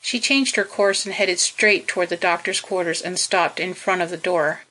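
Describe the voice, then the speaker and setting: A woman narrating a science fiction novel as an audiobook, in a steady, measured storytelling manner. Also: on the low side, poor audio.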